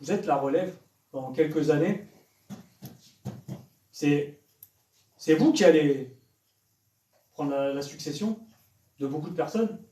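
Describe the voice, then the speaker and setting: With long pauses and a slow pace, an evangelist preacher puts direct questions to young listeners in his warm, slightly high voice. The echoey church hall recording sounds distant.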